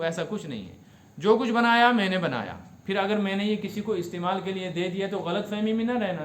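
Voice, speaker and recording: بلند آواز، گونجتا ہوا کشمیری لہجے والا بزرگ مفتی. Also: male voice, sits high, reverberant. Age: older. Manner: explanatory, asks the audience questions and repeats Arabic words slowly. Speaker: mufti teaching Quran commentary. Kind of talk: religious lesson.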